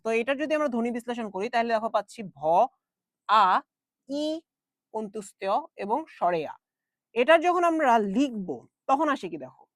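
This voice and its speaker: A man's voice: very high-pitched, dry recording, studio quality. A young man teaching an online class in a chatty way, with jokey asides and English words mixed in.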